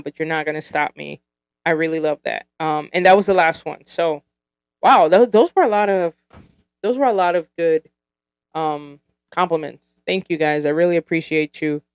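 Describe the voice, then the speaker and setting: A woman's voice: lowish voice, smooth, dry recording, clean studio sound. A woman in her thirties hosting a solo podcast, chatting casually and giggling, with lots of fillers as she goes. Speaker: podcast host.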